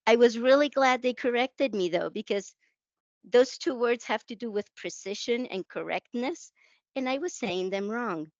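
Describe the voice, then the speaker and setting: A woman from the Canary Islands, interviewed conversationally as a guest translator, tells reflective, self-deprecating stories about her work. She uses English as a second language with a Spanish accent, in a slightly high, darkish voice at normal speed. The recording is muffled but free of echo.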